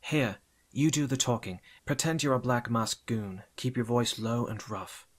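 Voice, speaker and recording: A man's voice: mid-range voice, voice pushed up, natural voice. A man voicing Batgirl, a bold young female crimefighter, in an audiobook reading, eager and teasing. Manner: quick, excited and teasing. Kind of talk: audiobook character voice.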